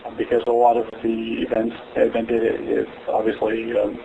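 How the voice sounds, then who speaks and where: A man's voice: mid-range voice, completely flat delivery, normal speed. Man, easygoing hedging panelist, tinny phone-line sound. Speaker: panelist answering a question. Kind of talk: casual webinar answer. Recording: tinny phone-line audio with faint hiss.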